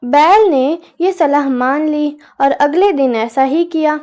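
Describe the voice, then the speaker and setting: A woman narrating a children's storybook tale in a clear, steady way. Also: high-pitched, takes it slowly.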